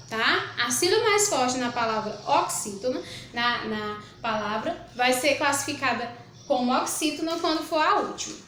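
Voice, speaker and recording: A woman with a Brazilian Portuguese accent gives a grammar lesson to young pupils in a high voice. She is patient, says words slowly and more than once, and keeps checking that the class follows her. Her voice rings in an echoey room. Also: pushed and bright, slight background noise. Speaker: primary school teacher. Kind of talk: recorded grammar lesson for children.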